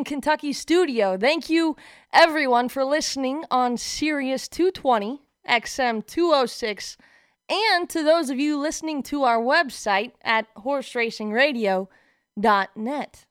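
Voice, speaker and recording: A woman hosting a radio talk show from a studio, chatty and quick to laugh. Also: sits high, fairly bright tone, no room sound.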